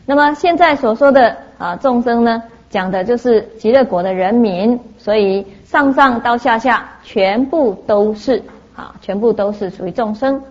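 A woman's voice: fairly high pitch, normal speed, hardly any pauses, dull audio. A woman giving a Buddhist sermon, telling stories with lots of "ah" fillers. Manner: lively anecdotal telling, frequent "ah" fillers. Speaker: Buddhist teacher.

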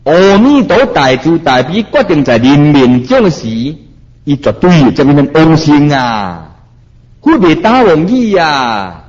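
A man with a Taiwanese Hokkien accent gives a Buddhist sermon, chanting verses slowly and then explaining them with rising exhortation. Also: a little high, muffled recording. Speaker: Buddhist preacher.

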